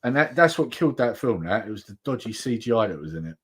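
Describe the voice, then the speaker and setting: A man's voice: on the low side, fast talker, slightly rough. A man in casual chat on a comics stream, recounting film scenes with swearing. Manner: animated storytelling with laughs and swearing.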